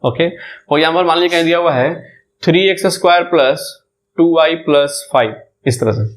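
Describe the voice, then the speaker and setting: A man's voice: fairly high pitch, normal speed. A man with a Bihari Hindi accent teaching a maths lecture, often asking the class questions and repeating key terms, with English words mixed into his Hindi. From India.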